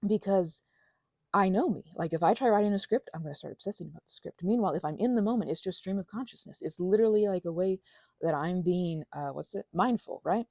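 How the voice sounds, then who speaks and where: Finger painting as she talks, a woman who makes audio content improvises a stream-of-consciousness ramble that wanders into tangents and asides and sometimes drops to a near whisper, all playful and self-mocking. She speaks fast in a fairly low, mellow voice with vocal fry, and there's no echo.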